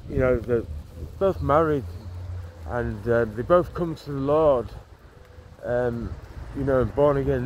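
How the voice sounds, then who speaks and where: This is a walk-and-talk preaching vlog from a man in his forties who preaches on the street, his phone camera held out at arm's length as he moves through a leafy town and park. He has a medium-pitched, somewhat dark voice and an earnest, rambling manner full of restarts and "you know". Faint traffic and street noise are audible.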